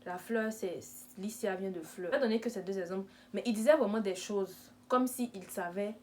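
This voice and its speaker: A young woman in her twenties telling a personal story in a chatty, animated way, acting out the lines of the people in it. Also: medium pitch, normal speed. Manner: chatty, animated retelling with quoted dialogue. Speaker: vlogger. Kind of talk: casual storytime.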